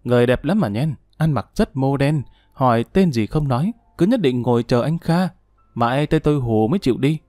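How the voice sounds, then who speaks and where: A nosy woman in her fifties who minds the parking lot, gossipy and quick with her tongue, as a narrator puts her on. Plain mid pitch, dry close read in an audio story. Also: lively intonation, darkish tone, no room sound, natural voice.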